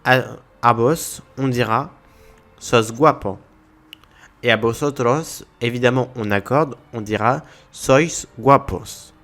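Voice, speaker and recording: A man's voice: medium pitch, slow pace, fairly bright tone. A man explaining a language point to viewers in a methodical lesson, walking through examples one by one. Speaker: language teacher.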